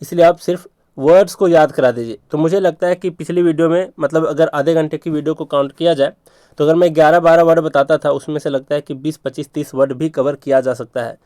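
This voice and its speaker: A man's voice: a little high, steady tone, a little fast, mellow, no echo. A man teaching vocabulary tricks for exams, repeating points and checking in with rhetorical questions. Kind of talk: exam vocabulary lesson.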